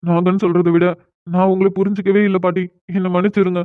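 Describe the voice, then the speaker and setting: A proud, quick-tempered young man in a cartoon drama, voiced by a man. He argues fast and bluntly, with a tinny, phone-like sound. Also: high voice, flat delivery, no room sound, lightly acted.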